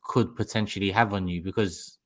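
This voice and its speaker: A man on a football podcast panel, asking relaxed questions in casual chat. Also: low voice, fairly quick.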